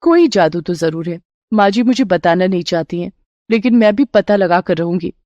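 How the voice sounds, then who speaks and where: A woman voicing a curious, eager young daughter-in-law in an animated storybook, talking in a bright, wondering way. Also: on the low side, normal speed, dry recording, highs cut off, close to an everyday voice. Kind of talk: storybook character voice.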